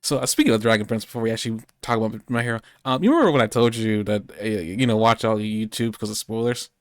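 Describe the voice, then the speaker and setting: A man's voice: lowish voice, lively intonation, quick pace, dry recording, clean studio sound. A man hosting a live-streamed anime podcast, chatting casually and rambling off on tangents. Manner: rambling, meandering, self-correcting. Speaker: podcast host. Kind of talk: casual chat. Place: home streaming setup.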